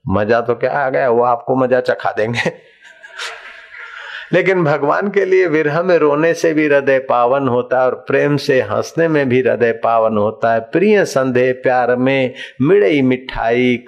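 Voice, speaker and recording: A man's voice: medium pitch, unhurried, gravelly, dull audio. A man giving a sermon, telling stories with playful asides and chanting verses. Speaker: spiritual preacher.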